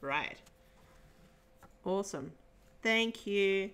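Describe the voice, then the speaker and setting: A woman's voice: medium pitch, expressive, very slow, a bit bright. A woman hosting a giveaway draw in casual chat, reading names aloud and laughing often. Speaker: host drawing giveaway winners.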